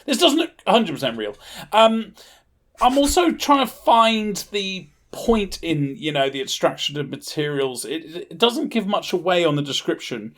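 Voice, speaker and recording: A man co-hosts a gaming podcast with a fairly high voice. He teases the others and pokes holes in their claims. Between the jokes he reads out game descriptions in a casual way. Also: sing-song, normal speed, a bit bright. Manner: teasing, skeptical. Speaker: podcast co-host.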